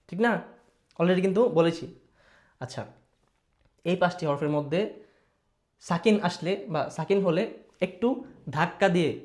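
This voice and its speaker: A man teaching Quran letter pronunciation. He repeats sounds over and over, asks the learner questions and mixes in English words. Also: sits high. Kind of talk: online Quran recitation lesson.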